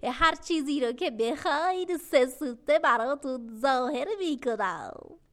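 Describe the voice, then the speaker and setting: A boastful magic hat with a showy, theatrical voice, as a woman storyteller puts it on. It stretches its words out grandly, swoops high and low in an animated sing-song, and makes a fuss about every request. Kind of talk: children's radio storytelling.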